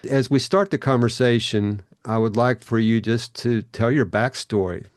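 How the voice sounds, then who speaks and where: A man's voice: medium pitch, normal speed. A middle-aged man hosting a podcast interview and reading an earnest, welcoming introduction. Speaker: podcast host.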